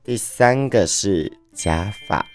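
A man with a husky, smoky voice, answering interview questions in a languid, lazy way. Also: lowish voice, animated, slow, faint music behind. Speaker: guest, drag queen performer.

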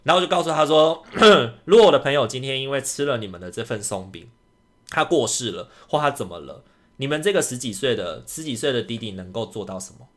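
A man, co-hosting a casual podcast and retelling a story in an animated, indignant way. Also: mid-range voice, fast. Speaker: podcast co-host.

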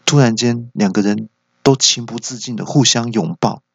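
A man's voice: mid-range voice, normal speed, creaky, no echo. A man hosting a podcast, telling jokes as an easygoing comic story. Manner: easygoing joke-telling narration. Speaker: podcast host.

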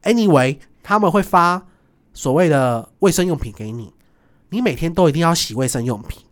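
A young adult man, a guest, telling stories in a lively casual chat and acting out the voices of people in them. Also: on the high side. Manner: animated, quick, acts out voices in his stories.

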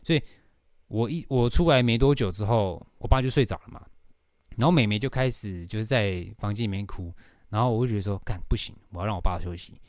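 A man's voice: fairly low pitch, brisk, a little mellow, no room sound, clean studio sound. A young man with a Taiwanese Mandarin accent, hosting a casual podcast and telling a rambling story with casual swearing. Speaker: podcast host.

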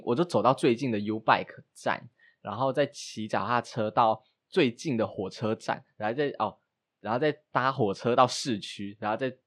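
A man co-hosting a casual podcast, telling a story and acting out his own thoughts in a raised voice. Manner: animated, acts out his own past thoughts in a high voice. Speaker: podcast co-host.

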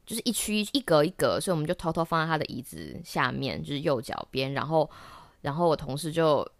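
Woman, podcast host, casual storytelling, low voice, swooping lively pitch, laughs a lot. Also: a little fast, creaky, no room sound, clean studio sound. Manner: animated, laughs often, slips into English. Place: office during lunch break.

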